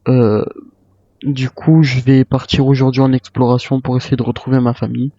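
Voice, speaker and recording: In a survival game roleplay, this man voices a tired ex-soldier who thinks aloud with hesitation, improvising the monologue as he goes. He speaks at normal speed in a level, mellow, medium-pitched voice, and the mic sounds dull and roomy.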